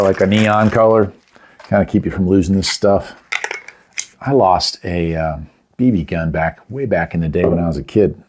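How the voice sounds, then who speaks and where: A middle-aged man hosts a product review channel, giving an unscripted review in a folksy, chatty, plain-spoken way. His voice sits low and sounds a little mellow and slightly rough.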